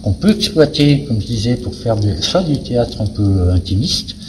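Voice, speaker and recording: A man's voice: medium pitch, expressive, moderate pace. A man speaking as a venue director in an interview, explaining things in a hesitant, searching way. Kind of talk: spoken interview about a cultural season. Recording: noisy, very reverberant hall.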